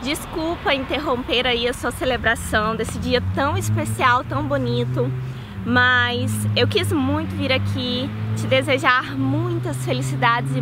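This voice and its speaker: A young adult woman with a Brazilian Portuguese accent, speaking as a vlogger outdoors to her viewers. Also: sits high. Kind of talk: casual video message and poem reading. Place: outdoors in a park or garden. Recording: outdoor ambient noise with distant traffic.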